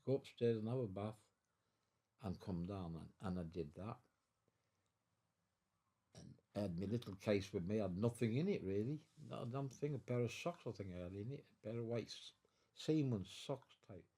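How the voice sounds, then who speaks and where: A man in his nineties from England recounts his past in a low, mellow voice. He speaks haltingly, restarting and repeating words, and his voice carries emotion throughout. The interview was recorded in his own home. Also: breathy edge. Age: 90s. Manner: emotional, tearful at times. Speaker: war veteran interviewee. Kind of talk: personal storytelling interview.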